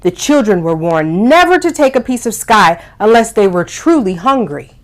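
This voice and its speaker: Reading aloud at normal speed, a woman who hosts a children's storytime show explains and tells the story expressively. Her pitch swoops and stays very lively, and she leans on important words, stretching them out for young kids.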